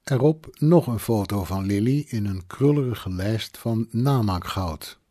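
Man narrating in a dark, dry voice. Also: fairly low pitch, lively intonation, no room sound. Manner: measured, plain storytelling. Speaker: audiobook narrator. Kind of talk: first-person scripted narration.

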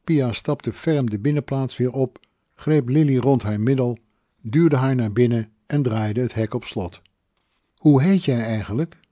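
A man reading a novel aloud as audiobook narrator, calm and even. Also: medium pitch, unhurried, no echo, studio quality. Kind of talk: scripted narration.

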